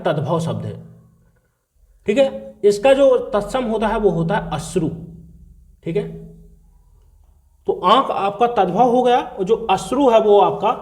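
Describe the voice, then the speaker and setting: A man leads an exam-prep grammar lesson with a high voice. He explains step by step, asking questions and answering them himself, and keeps checking in with the class. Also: darkish tone. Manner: explains step by step, asks and answers his own questions, repeats "ठीक है". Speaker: teacher.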